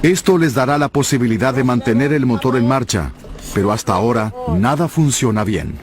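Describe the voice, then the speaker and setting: A man narrates a documentary in Latin American Spanish. His pitch is mid-range and he reads from a script. Music plays clearly behind him. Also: lively intonation, a little fast.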